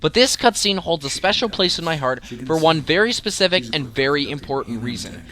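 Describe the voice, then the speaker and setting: With a fairly high pitch and a very animated delivery, this man speaks fairly quickly in a bright, forceful tone. He's a video creator hosting a scripted top-ten countdown, full of enthusiastic, emphatic commentary, with music playing behind his voice.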